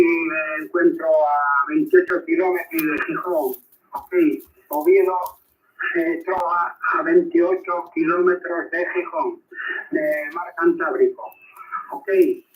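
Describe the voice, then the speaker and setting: A man with a Spain Spanish accent speaks as an amateur radio operator over a radio, in a halting, repetitive way with frequent check-ins. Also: high voice. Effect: radio transmission. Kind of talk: ham radio contact, spelling out call signs. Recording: thin narrowband shortwave radio signal.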